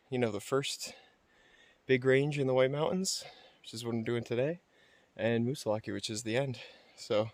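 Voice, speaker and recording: A man chatting casually to his camera outdoors on a mountain trail, relaxed and rambling with lots of fillers. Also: medium pitch, no room sound. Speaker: hiker filming his own trail vlog. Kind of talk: casual self-filmed vlog chat.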